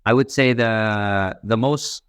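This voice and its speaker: A young Pakistani man, a stand-up comedian appearing as a podcast guest, chats casually and rambles with plenty of fillers. His voice is lowish, a bit bright and smooth, and he takes his time. The recording is studio quality with no room sound.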